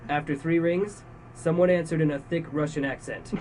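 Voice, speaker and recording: A young man with a fairly high voice reads a silly homemade story to his friends, breaking into laughter now and then. He sits back from the microphone, so the voice sounds distant, with a faint hiss underneath. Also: fairly even intonation, normal speed. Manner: giggles through his own reading, shouts the dialogue. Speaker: podcast co-host reading a comic story. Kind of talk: casual chat and comic story reading.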